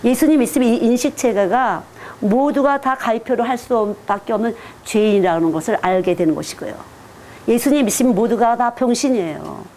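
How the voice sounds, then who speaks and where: A woman's voice: a little high, fairly quick, darkish tone, slight background noise. Earnest woman giving a church lecture. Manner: earnest, direct, conversational preaching. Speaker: children's missionary lecturing teachers. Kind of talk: teacher-training lecture.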